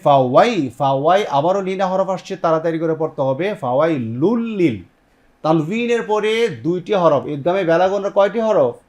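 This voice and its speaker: On a TV program, a Bangladeshi man who teaches Quran recitation and hosts the show leads a tajweed lesson step by step, quizzing students, repeating their answers, and sounding out Arabic words slowly. His pitch is fairly high and a little mellow, with the highs cut off.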